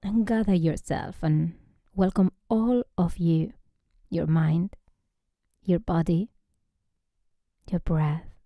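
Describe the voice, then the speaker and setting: In a slightly low, very mellow voice, a yoga nidra teacher leads a guided relaxation, unhurried and gentle and frequently drifting into a breathy near-whisper. The sound is close and dry without any echo.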